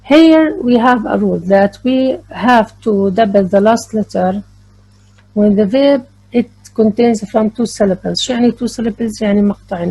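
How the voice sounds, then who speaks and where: A woman's voice: medium pitch, warm tone, husky, low-quality recording. A woman teaching an English grammar lesson, mixing English with explanations and spelling out letters. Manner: switches between English and Arabic, spells out letters.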